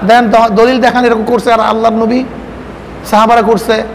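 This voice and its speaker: A man with a very high voice preaches a sermon, arguing hard and throwing questions at his listeners. His words ring through a large hall with a long echo. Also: little pitch movement, normal speed. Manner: argumentative, asks the audience questions and mocks critics. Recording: faint noise, long hall reverb.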